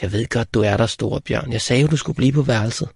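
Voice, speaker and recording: A man's voice: mid-range voice, vocal fry, darkish tone, husky, dry recording, clean studio sound. A man reading an audiobook, voicing a teasing, bossy young girl in a raised voice. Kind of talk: audiobook character voice.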